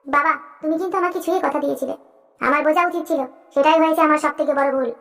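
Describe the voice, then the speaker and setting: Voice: high-pitched, steady tone, racing, creaky, a bit bright. A performer voicing a devoted young rich daughter in a cartoon, earnest and pleading. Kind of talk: cartoon voice acting.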